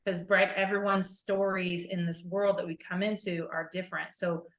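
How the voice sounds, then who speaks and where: A woman yoga teacher chats on a podcast with a bright, sharp-edged voice. She is animated and mimics her panicked students. The room rings with echo. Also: on the low side, normal speed. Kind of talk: casual podcast chat. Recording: echoey room.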